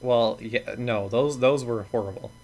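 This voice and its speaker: A man's voice: medium pitch, unhurried, darkish tone, a little hiss or hum. A man co-hosting a casual podcast chat, blunt and ranting, swearing freely and laughing between points. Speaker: podcast co-host.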